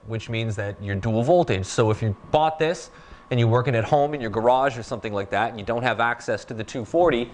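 A medium-pitched man in his thirties shows off a welding machine in a workshop, keeping the demo casual. His talk is relaxed and plain-spoken, sprinkled with fillers.

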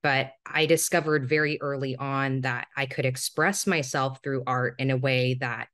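A woman in her thirties from Singapore, a podcast guest calmly telling her life story over a video call. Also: a bass voice, moderate pace, no echo, clean studio sound. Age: 30s. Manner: calm, reflective storytelling. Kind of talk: remote interview.

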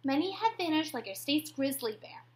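A woman voicing a kind, caring female beach educator in a storybook read-aloud, speaking softly and gently. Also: sits high, expressive, moderate pace. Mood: gentle.

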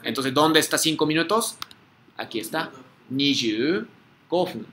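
Bright-voiced man teaching class. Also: a little high, expressive, a little slow. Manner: patient, repeats words for students to echo, frequent "¿sí?" checks. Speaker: Japanese language teacher. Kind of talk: online class drill, call and repeat.

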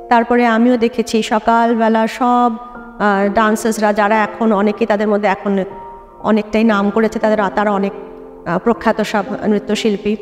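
A middle-aged woman with a Bengali accent, reminiscing in a relaxed talk-show conversation with many hesitations and restarts. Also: a little high, big-room sound. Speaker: guest dancer.

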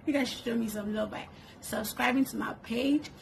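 A YouTuber in her twenties talks playfully and laughs often in a bedroom get-to-know-me vlog, filmed on a tripod camera facing her. Her fairly high voice is steady, with vocal fry, at a moderate pace. It's a rough recording with a slight hiss or hum.

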